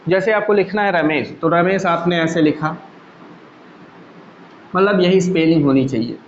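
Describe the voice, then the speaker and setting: In an echoey room, a high-voiced man teaches computers at a moderate pace in a classroom lecture. He breaks things down step by step using everyday examples and poses questions to the class, while the lo-fi recording sounds dull with a faint hum.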